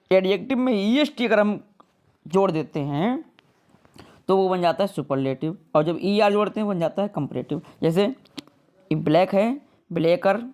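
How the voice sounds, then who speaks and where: Slow-talking woman teaching a grammar lesson. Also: medium pitch, a little mellow. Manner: drills word lists, asks the class "clear?"; reads English rules out slowly, word by word. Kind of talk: grammar lesson, mixing Hindi and English.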